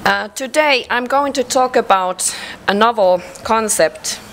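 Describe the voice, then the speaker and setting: A woman with a Finnish accent giving a conference presentation, measured and hesitant, with frequent fillers. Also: on the high side, a bit bright, slight background noise, poor audio. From Finland. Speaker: conference speaker. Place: conference hall.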